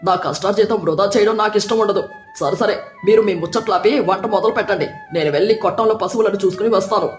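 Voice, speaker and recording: A woman's voice: mid-range voice, quick pace, close to an everyday voice. A woman voicing a stingy village husband who grumbles and scolds. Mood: grumbling stingy. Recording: roomy, distant, with soft music.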